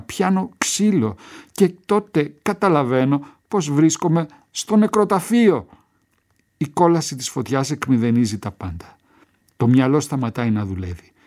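A man reading a first-person war story aloud in a measured, tense storytelling manner. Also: mid-range voice, a little mellow. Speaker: narrator.

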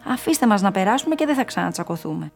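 A woman's voice: sing-song, gravelly, soft background music. A woman voicing a boastful, spiteful male count made of honey cake who whines and shrieks, in a storybook reading. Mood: pleading. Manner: whiny and shrill.

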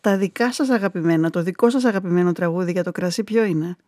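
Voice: mid-range voice, warm tone, no echo. A radio host interviewing guests, attentive and often murmuring agreement.

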